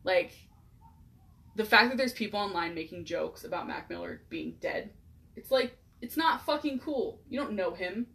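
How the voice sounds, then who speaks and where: A woman's voice: mid-range voice, lively intonation, moderate pace, vocal fry, a bit bright. A woman in casual chat, talking bluntly with heavy swearing.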